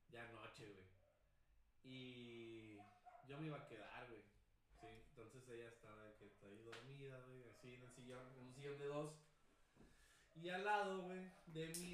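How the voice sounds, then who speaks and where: A man's voice: medium pitch, far from the mic. Rambling Mexican man in a very echoey room. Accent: Mexican Spanish. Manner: crude, rambling, peppers speech with "güey". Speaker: podcast co-host. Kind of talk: casual podcast storytelling. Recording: very echoey room, off-mic, faint noise.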